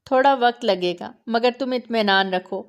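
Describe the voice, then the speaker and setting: A woman narrator voicing a protective elder brother who speaks softly but firmly to his sister. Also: on the high side, lightly acted. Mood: reassuring.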